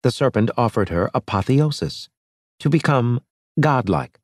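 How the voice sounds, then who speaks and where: A man voicing a precise, learned male ship officer who explains things briskly in an audiobook. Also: mid-range voice, animated, darkish tone, dry recording, clean studio sound, voice pushed up. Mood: explaining. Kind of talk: audiobook character voice.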